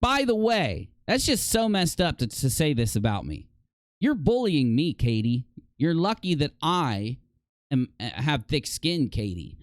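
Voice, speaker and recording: A man hosting a live stream, talking in a heated, exasperated rant with a lively pitch that jumps up when he gets worked up. His voice sits a little high for a man. The sound is dry and close, with no room echo. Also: measured pace. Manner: exasperated, heated ranting while reading posts aloud. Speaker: livestream host.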